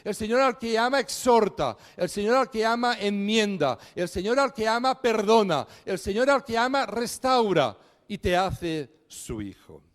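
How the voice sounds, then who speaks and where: A man preaching a sermon, building emphatic repeated phrases and slowing to stress key words. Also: sits high, lively intonation, in a large hall.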